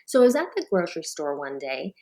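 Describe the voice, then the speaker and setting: A woman's voice: sits low, big pitch swings, quick pace, warm tone. A woman coach in her thirties telling a personal story to an audience of mothers, acting out her own thoughts along the way. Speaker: life coach. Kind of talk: talk to an audience of moms.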